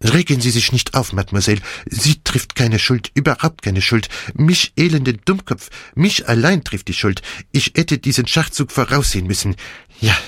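A man voicing an excitable, fussy aging Belgian detective with a theatrical, exclamatory delivery. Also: medium pitch, moderate pace, husky, dry recording, pitched above the performer's own voice. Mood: distraught. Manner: theatrical, exclamatory, self-reproaching.

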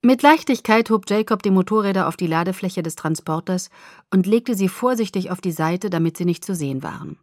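A woman narrating a novel in the first person with a lively, expressive delivery. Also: on the low side, fairly quick, no room sound, clean studio sound. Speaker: audiobook narrator.

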